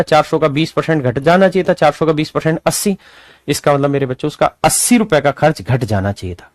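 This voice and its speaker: A man, middle-aged, teaching a math lesson with a somewhat high voice. He talks to his students in a folksy, coaxing way and keeps checking that they follow. The sound is dry and close. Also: dry recording. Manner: folksy, addresses students as his dear children; asks frequent check questions.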